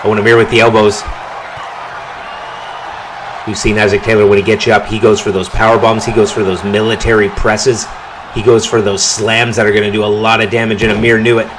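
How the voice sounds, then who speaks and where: A man calling a wrestling match play-by-play, his voice jumping up in pitch and volume on big moves and near-falls. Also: fast, noisy background. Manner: excited calls that rise on big moves and pin counts. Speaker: wrestling commentator. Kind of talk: play-by-play commentary.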